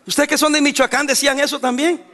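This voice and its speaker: A man from El Salvador with a Salvadoran Spanish accent, preaching a sermon in a church, emphatic, with bursts of laughter and loud outbursts. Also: very high-pitched, level tone, fast talker. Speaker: pastor.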